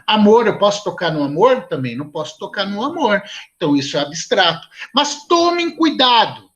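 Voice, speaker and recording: A man's voice: sits high, big pitch swings, moderate pace, a bit bright. A Brazilian man teaching a Portuguese exam review class online, who explains patiently and keeps checking in with his students.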